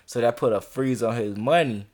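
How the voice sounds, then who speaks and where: A man co-hosting a casual podcast chat who speaks in a laid-back, halting way with many fillers. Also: medium pitch, a little mellow. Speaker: podcast co-host.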